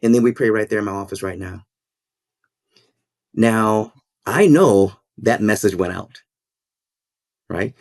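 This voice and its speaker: Creaky and lowish, the voice of a school principal and minister comes through clean studio sound without echo in a podcast interview. He speaks earnestly and reflectively, halting and repeating words while he thinks.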